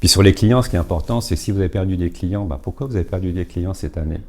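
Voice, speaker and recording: A man's voice: low voice, fast talker. A man giving an informal business coaching talk, explaining step by step with many fillers and repeated words.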